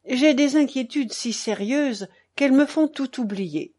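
A woman's voice: high-pitched, measured pace, a little mellow, voice pushed up. A woman reading the part of a worried married man pressing his wife for money, in an audiobook. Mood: worried pleading. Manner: urgent, pleading then cold.

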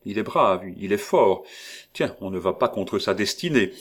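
A man's voice: fairly low pitch, animated, normal speed. A man voicing a cold, defiant young woman.

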